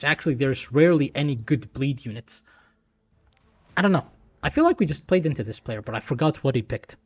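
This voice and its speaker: Male streamer, casual play-by-play, very animated pitch, thinks aloud over game music, slightly dull audio. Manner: thinking aloud, muttering asides. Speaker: gaming streamer. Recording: dull lo-fi sound, music behind.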